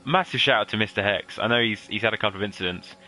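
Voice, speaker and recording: Bright-voiced male race commentator, lively. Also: fairly low pitch, fast. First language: English. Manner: lively, playful banter, excited at overtakes. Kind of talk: sim racing commentary.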